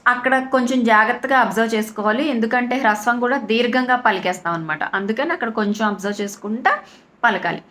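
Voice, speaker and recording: Brief: high, bright female teacher, slow deliberate chanting of verses. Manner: chants each verse slowly, then explains pronunciation quickly and softly. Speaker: Sanskrit recitation teacher. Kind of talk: slow chanting lesson with spoken explanations.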